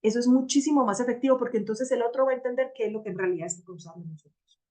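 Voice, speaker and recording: A woman's voice: fairly high pitch, rapid-fire, darkish tone. A woman teaching a personal growth workshop, talking reflectively and often checking in with her listeners. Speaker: workshop facilitator.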